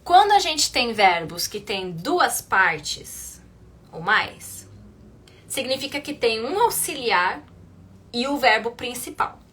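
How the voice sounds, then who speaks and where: A woman's voice: a little high, very animated, slow, sharp tone, slightly rough. A Brazilian woman teaching an English lesson, explaining patiently and checking in with her students often. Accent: Brazilian Portuguese. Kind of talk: online language lesson.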